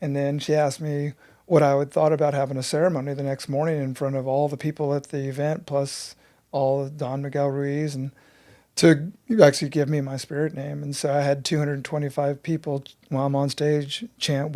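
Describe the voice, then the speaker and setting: A man's voice: fairly high pitch, flat delivery, normal speed, warm tone. A man in his fifties, a breathwork teacher telling his story with earnest intensity in an interview.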